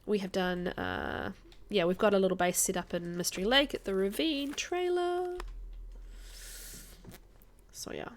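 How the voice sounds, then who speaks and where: Casting: female game streamer with a light New Zealand accent, medium pitch, informal and talkative livestream delivery. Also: very animated, a little slow, pauses often, slight background noise. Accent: mild New Zealand. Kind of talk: casual livestream chat over gameplay.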